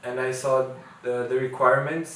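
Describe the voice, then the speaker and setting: In a casual interview, an international student in his twenties, a native Portuguese speaker, talks quickly with a medium-pitched, bright, forceful voice and fairly even intonation. He hesitates a lot, with many fillers and restarts. The recording has an echoey room, a distant mic, and faint ambience.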